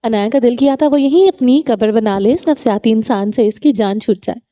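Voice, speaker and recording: Mellow woman narrating a novel. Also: on the high side. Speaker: audiobook narrator.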